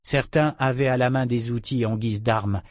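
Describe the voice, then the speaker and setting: Reading a novel aloud at medium pitch, this audiobook narrator delivers scripted narration in an even, measured storytelling style. The studio sound is clean, with no room sound.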